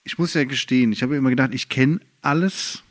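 A man's voice: medium pitch, fairly quick. A man co-hosting a casual podcast, chatty and joking, laughing easily. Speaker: podcast co-host.

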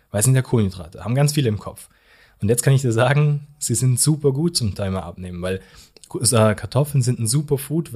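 A man co-hosting a podcast as a weight-loss coach, explaining in an energetic, emphatic way and speaking straight to the listener. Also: mid-range voice, breathy edge.

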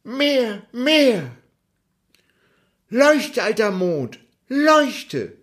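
A man voicing a small greedy boy in a children's story, crying out demands in high, shrill bursts. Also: sing-song, extremely slow, fairly bright tone, full character voice. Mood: greedy shouting.

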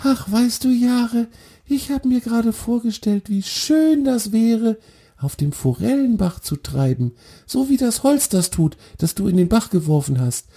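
A gentle young deer, voiced by a man, speaks high, soft and wistful in a children's story. The voice carries a husky, breathy edge under its brightness. It swings lively through the pitch. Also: measured pace, heavily acted. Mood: dreamy, wistful.

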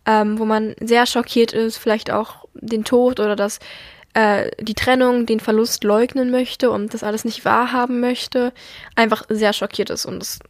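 Speaking as a podcast host, a young woman confides casually in a personal monologue, earnest and reflective yet somewhat subdued. Her slightly high voice barely moves in pitch, at a normal speed. The sound is dry and clean, straight from a studio.

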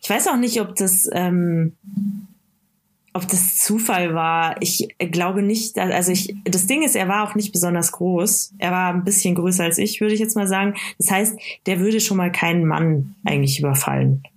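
A woman recounting a personal experience in a casual conversation, pausing often with fillers and starting sentences over. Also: fairly low pitch. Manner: halting, many fillers and restarts. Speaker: interview guest.

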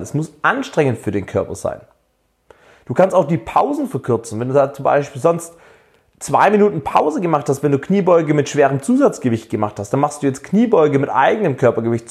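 Lively man coaching home workouts. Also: a little high. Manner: energetic, coaching, addresses viewer directly with questions. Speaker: fitness coach. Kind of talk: direct-to-camera fitness advice.

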